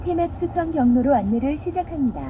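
A synthetic female navigation voice that sounds too smooth to be human, giving even, clipped announcements inside a car. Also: high-pitched, fast, slight background noise. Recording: muffled car speaker from afar.

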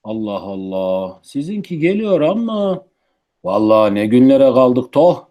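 A male actor plays an old grandfather in a radio play, folksy and grumbling yet fond of his family. His pitch rises and falls freely as he talks. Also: very animated, measured pace, warm tone. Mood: grumpy, baffled. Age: older. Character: grumbling, affectionate old grandfather baffled by technology. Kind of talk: Turkish radio theatre acting.

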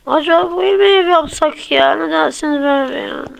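A woman with a fairly high voice talks viewers through her building, counting blocks and correcting herself as she plays. Her running commentary is loose and chatty. There is a steady hiss under her voice, with clicks over it. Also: quick pace, creaky, rough recording. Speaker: gameplay channel host. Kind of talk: casual let's-play commentary.

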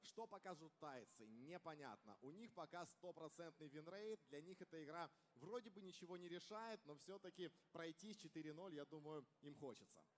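A young male esports commentator calls a live match over a headset. His voice sits a little high, and it rings with the long reverb of a big event hall. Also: lively intonation, normal speed, hardly any pauses. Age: young adult. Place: caster desk on stage in large indoor arena.

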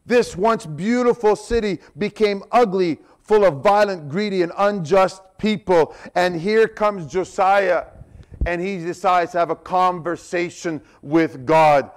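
A man's voice: high voice, unhurried. A man preaching a sermon as pastor, reading scripture aloud and acting out a prophet's desperate questions to God, then asking the congregation directly. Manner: dramatic, pleading when voicing the prophet's complaints.

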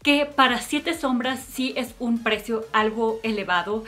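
A woman's voice: on the high side, unhurried, pushed and bright. A woman giving a chatty makeup tutorial and product review, fond of cute diminutives. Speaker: beauty vlogger.

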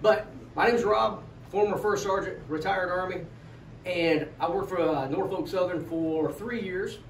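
A middle-aged American man rambles jokingly as he hosts a casual podcast. His voice sits slightly high. It is picked up from a bit of a distance in an echoey room. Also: unhurried. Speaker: podcast host. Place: echoey room, away from the mic. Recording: echoey room, distant mic, faint noise.

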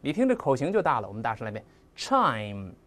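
Lively vocabulary teacher, very expressive pitch, slow drilled pronunciation, lots of sound-effect mimicry. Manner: spells out and slowly repeats English words. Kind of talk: recorded vocabulary lesson.

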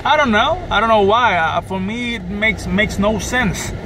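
A middle-aged man, a personal trainer, talking casually to a dashboard camera from his parked car, unhurried and thoughtful. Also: high voice. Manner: slow, thoughtful, gestures with hands. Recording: car interior with clear air-conditioning hum.

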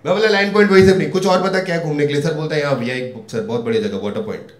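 A man from India performing a stand-up comedy set, acting out quoted dialogue and jumping between shouts and mutters. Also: a little high, racing, roomy sound, a crowd in the background.

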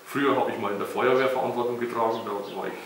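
A middle-aged man speaks as a mayor in a bright, forward voice, pausing often on filler sounds and checking in with tag questions. He is picked up from a distance in an echoey room, with faint noise underneath. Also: mid-range voice, steady tone. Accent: German. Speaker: mayor interviewed by schoolchildren. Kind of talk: casual interview answers.

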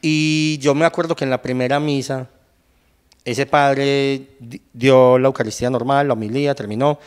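Speaking at a moderate pace with a clear, resonant mid-range voice, a young Paisa-accented Colombian man tells his testimony as a guest. The conversation is casual and his storytelling animated, with him reenacting his own past lines, all in a big-room acoustic.

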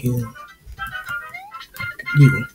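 A woman commentating on a video game, swinging from quiet mumbling to frustrated yelling. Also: a bass voice, drawn-out words, soft background music. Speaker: gaming video host. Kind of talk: gaming commentary.

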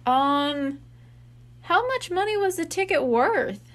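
A thoughtful young boy detective in a storybook, voiced by a woman reading aloud. He is curious and matter-of-fact. The voice sits high. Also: very animated, takes it slowly, exaggerated voice.

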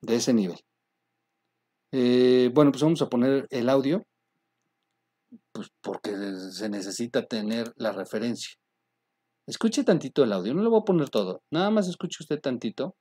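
A man's voice: medium pitch, sing-song, normal speed, pauses often, dark tone, husky. A man with a Mexican accent hosting political commentary, talking directly to the viewer in a conversational way.

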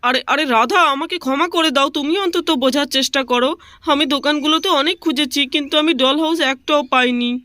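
A woman voicing an apologetic husband in a doll story, pleading and pitched low. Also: quick pace, bright, forceful tone, no room sound, clean studio sound.

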